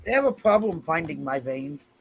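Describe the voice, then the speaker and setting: A man's voice: on the high side, big pitch swings, moderate pace, gravelly. A man in a casual group video chat, trading dry, sarcastic quips.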